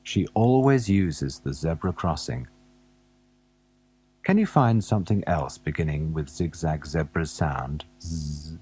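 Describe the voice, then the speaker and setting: A man with a deep, slightly husky voice reads a picture-book story for small children. He takes his time and his pitch rises and falls a great deal as he coaxes the listener to spot things on the page. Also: expressive, measured pace. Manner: gentle, asks the listener questions and waits. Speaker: narrator of a children's alphabet tape. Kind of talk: scripted storybook narration for young children.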